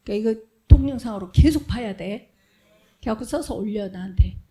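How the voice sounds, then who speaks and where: A woman preaching an animated sermon to a Sunday school, asking questions and answering them herself, often dropping into whispers. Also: medium pitch, fairly quick. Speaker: children's ministry preacher. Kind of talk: lively sermon with acted-out voices.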